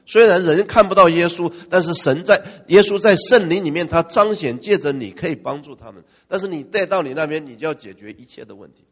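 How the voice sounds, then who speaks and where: A male pastor preaching a lively, humorous sermon and firing questions at his congregation. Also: on the high side, fairly quick, hardly any pauses. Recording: long church-hall reverb.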